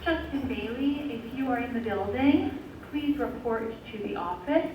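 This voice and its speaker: A woman's voice: fairly high pitch, expressive, unhurried, a little mellow. A woman from the school office making a formal paging announcement over the intercom. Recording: distant echoey intercom with faint noise.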